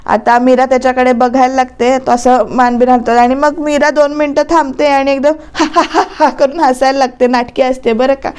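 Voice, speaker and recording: A woman's voice: high-pitched, little pitch movement, moderate pace, hardly any pauses, darkish tone, clean tone. A woman narrating a casual voice-over recap of a TV serial, chatty and speaking to her viewers.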